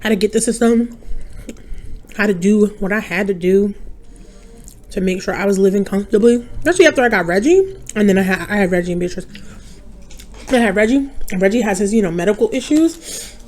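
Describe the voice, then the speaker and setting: A woman's voice: mid-range voice, a little fast, pauses often, darkish tone. A young woman chatting casually to her viewers while she eats, rambling from one thought to the next and calling them y'all. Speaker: mukbang vlogger. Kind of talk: casual chat while eating.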